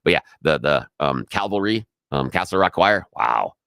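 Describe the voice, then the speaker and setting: A middle-aged man co-hosts a radio show, his deep, gravelly voice projecting as he tells stories and acts out quoted people in casual chat. The pace is moderate, and the studio-quality audio has no echo.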